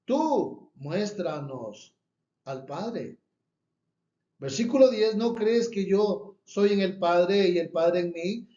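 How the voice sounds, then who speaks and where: A man's voice: high-pitched, darkish tone. A man preaching a sermon and reading Bible verses, emphatic and repeating his key phrases. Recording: echoey room, dull lo-fi sound.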